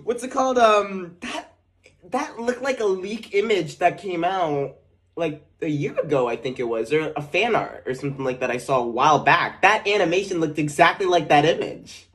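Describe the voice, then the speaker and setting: A YouTube host reacting to an anime trailer, gushing and excitable, often restarting sentences and breaking into excited shouts. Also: medium pitch, normal speed.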